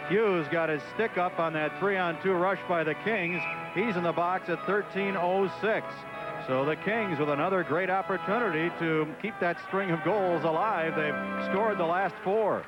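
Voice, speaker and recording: A male colour commentator recaps ice hockey in a fairly high voice. He comes through a muffled old broadcast with loud music behind him. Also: moderate pace.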